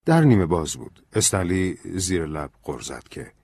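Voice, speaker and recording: A man narrating an audiobook in a calm, measured storytelling manner. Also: deep voice, vocal fry, breathy edge, no echo, clean studio sound.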